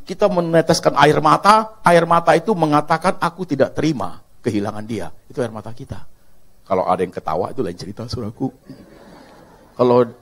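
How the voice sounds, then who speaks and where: Male pastor, high and very animated delivery, jokey live sermon with sharp loud-to-soft swings. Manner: animated, swings between loud emphasis and hushed asides; addresses listeners as "saudaraku".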